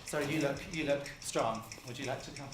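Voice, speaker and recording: A woman's voice: rumbling low, fairly quick. A woman performer talking in a flustered, hesitant way to the audience. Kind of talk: immersive theatre performance. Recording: roomy theatre from far off, noisy.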